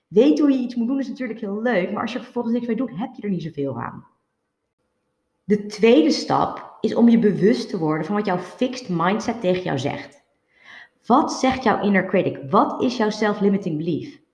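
A woman talks through a motivational monologue in an earnest coaching tone, her pitch rising and falling in lively swings. She slips English buzzwords into her sentences. The sound is roomy and a bit dull. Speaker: self-development speaker. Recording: roomy, slightly dull recording.

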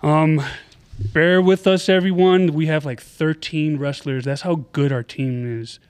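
Smooth-voiced man hosting a casual chat. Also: on the high side, measured pace. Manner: relaxed, filler-heavy questions. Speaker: podcast host.

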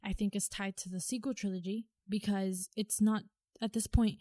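A woman's voice: mid-range voice, steady tone, normal speed, warm tone, no echo, clean studio sound. A young woman co-hosting a casual fan podcast, rambling with lots of fillers and restarts. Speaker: podcast co-host.

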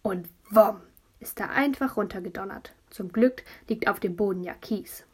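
A woman narrating a children's audiobook in a lively storytelling voice, telling it as a child would. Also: medium pitch, moderate pace, breathy edge.

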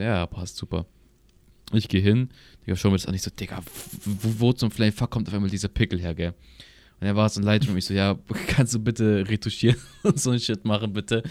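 A man's voice: on the low side, darkish tone, no room sound. A young man in casual chat, telling a rambling, slang-heavy anecdote and acting out both sides of the conversation. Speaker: podcast co-host. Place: at his home computer.

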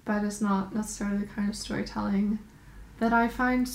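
A woman's voice: medium pitch, fairly even intonation, brisk, creaky, roomy sound. A young woman from New York co-hosting a podcast, chatting casually and filling her speech with "like". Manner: chatty, talks with filler likes. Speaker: podcast co-host. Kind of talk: casual chat.

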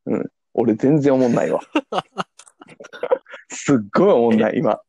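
A man's voice: medium pitch, normal speed, dark tone, husky, no room sound, muffled recording. A young man with a Kansai accent co-hosting a casual podcast, teasing and laughing often. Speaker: podcast co-host. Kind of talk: casual chat.

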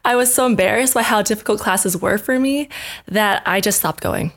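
A young woman in her twenties shares a personal story in a relaxed faith conversation. She is an animated storyteller who laughs often and acts out what people said. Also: mid-range voice, moderate pace. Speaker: guest sharing testimony. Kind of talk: casual faith chat.

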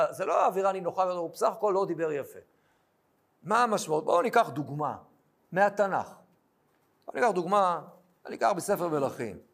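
A man teaching a Bible lesson in an animated way, addressing his listeners directly. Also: fairly high pitch.

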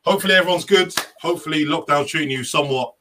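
A man's voice: a little high, rapid-fire, noisy background. A man with a London roadman accent and slangy street talk, hosting a casual group chat. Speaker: podcast host.

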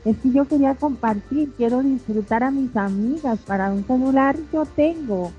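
A woman's voice: high voice, moderate pace, soft background music. A woman speaking frankly in a casual group discussion, full of fillers. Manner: frank and chatty, with many discourse fillers. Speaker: discussion participant. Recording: dull lo-fi recording.

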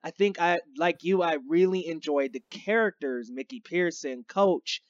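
A man hosting a casual movie review chat, with a relaxed, laid-back delivery. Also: a little high, moderate pace, no room sound, dull audio. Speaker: film review show host.

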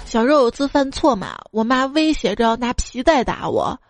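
A woman hosts a comedy podcast, reading listeners' embarrassing childhood stories aloud. Her voice sits a little high, and she acts out the parents in the stories. Soft music plays quietly behind her. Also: animated, moderate pace, no room sound. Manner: playful, laughing at her own material. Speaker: podcast host.

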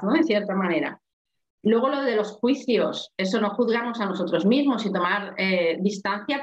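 Woman, strong voice, expressive chat, dull lo-fi roomy recording. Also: mid-range voice. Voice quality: strong, loud voice. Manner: expressive, thinking aloud with restarts. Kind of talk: casual group discussion. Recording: echoey, dull lo-fi sound.

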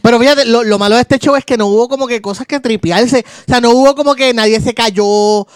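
A man's voice: very high voice, brisk, smooth, no room sound, clean studio sound. A man with a Puerto Rican accent, co-hosting a podcast with wry, joking remarks. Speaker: podcast co-host. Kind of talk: casual chat.

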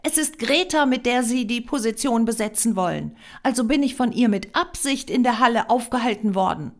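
A woman's voice: mid-range voice, animated, normal speed, pitched above the performer's own voice, natural voice. A woman reading a German story voices a proud, indignant young woman applying as a model, speaking emphatically with a raised voice.

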